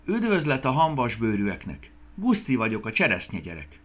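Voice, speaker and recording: A man's voice: mid-range voice, huge pitch swings, fairly bright tone, pitched above the performer's own voice. A man voicing a curious, touchy little boy cherry in a children's storybook reading. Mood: proud. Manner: eager, proud, a bit touchy.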